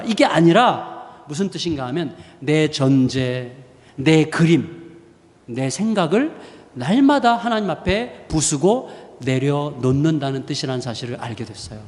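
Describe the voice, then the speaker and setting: Lively Korean pastor preaching in a hall. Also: male voice, on the high side. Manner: storytelling with lively acted-out quotes; self-described short-tempered, humorous asides. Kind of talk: sermon. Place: church sanctuary.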